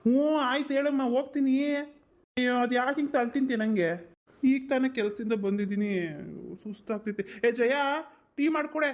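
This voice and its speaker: A woman voicing a tired grown son who soothes and placates his upset mother in an animated cartoon. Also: high voice, fairly quick, voice pushed down, natural voice. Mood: weary.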